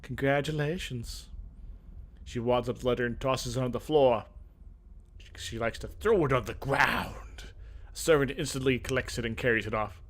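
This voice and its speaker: A gaming video host speaks at normal speed in a medium-pitched voice with fairly even intonation and a fairly bright tone. He toggles between theatrical narration of game text and casual commentary full of hesitant, rambling asides.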